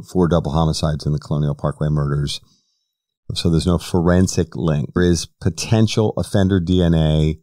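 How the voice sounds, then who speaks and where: A man's voice: deep voice, dark tone, dry recording, clean studio sound. A man hosting a podcast, asking questions and giving long, careful explanations in casual interview talk. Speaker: podcast host.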